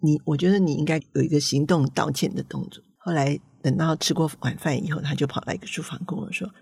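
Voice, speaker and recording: Older woman, Taiwanese Mandarin accent, author, folksy storytelling, gravelly, husky, dry close sound. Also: deep voice, steady tone, quick pace, darkish tone, no echo. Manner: folksy, chatty, acting out family dialogue. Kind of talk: storytelling talk.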